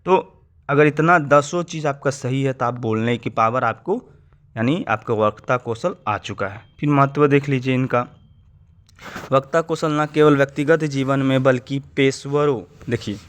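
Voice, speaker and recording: A man giving an exam-prep lecture at a middle pitch. He explains patiently and in a halting way, and often restarts a word mid-way. He keeps asking "right?" to check that his students follow. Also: clean tone. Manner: explanatory, repeats "है ना" and "ठीक है" often. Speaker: teacher.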